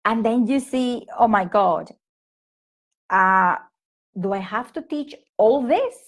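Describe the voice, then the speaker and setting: Speaking slowly with a fairly high pitch and lively intonation, this woman in her thirties from Peru talks casually to English teachers during a home live stream. Her Peruvian Spanish accent comes through, she uses lots of fillers and restarts, and the audio is from a laptop or phone mic.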